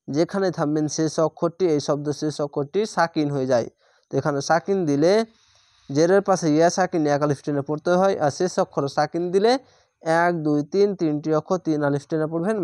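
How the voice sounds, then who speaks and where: Slow-spelling male Quran reading teacher. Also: on the high side, a little mellow, dry recording, studio quality. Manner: slow, drawn-out syllable-by-syllable spelling and repetition. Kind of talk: spelling out Quran recitation lesson.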